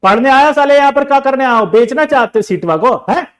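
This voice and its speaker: A man's voice: extremely high pitch, lively intonation, pitched above the performer's own voice. A man playing a furious insulting teacher. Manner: shouting, insulting, rapid scolding. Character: furious scolding male coaching teacher, insulting.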